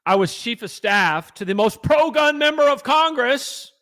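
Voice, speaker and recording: A man's voice: very high voice, expressive, unhurried, a bit bright. A man hosting a fiery advocacy livestream, combative and rallying. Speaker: gun rights advocacy host.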